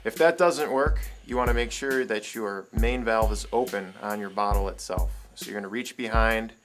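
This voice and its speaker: Man, lowish pitch, firefighter instructor, step-by-step demonstration, plain procedural delivery, roomy echo, background music. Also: moderate pace. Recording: echoey room, music underneath.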